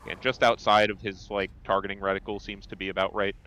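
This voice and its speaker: A man with a New Jersey accent leading a raid, calmly explaining strategy over voice chat. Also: low-pitched, fast talker, clear, resonant tone. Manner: calm, instructive, many fillers. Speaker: raid leader. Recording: dull lo-fi voice chat.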